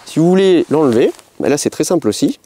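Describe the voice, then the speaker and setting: A man with a mellow, darkish voice walks through a piece of camera gear in a relaxed, chatty demonstration. He explains each step plainly, with plenty of small fillers, filming himself indoors. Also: on the high side, quick pace. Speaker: photographer reviewing camera gear. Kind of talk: casual product demonstration.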